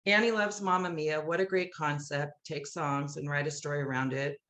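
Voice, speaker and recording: In an interview, a middle-aged musical playwright chats through animated stories, frequently acting out dialogue she remembers. She speaks at normal speed with a low pitch, fairly even intonation, and a fairly bright tone. Echo gives the sound a roomy quality.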